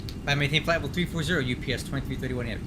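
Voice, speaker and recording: A man's voice: mid-range voice, racing, background noise. A man speaking as a pilot into a cockpit headset mic, giving short procedural callouts and radio readbacks. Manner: clipped, procedural pilot phrasing. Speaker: flight sim pilot streamer.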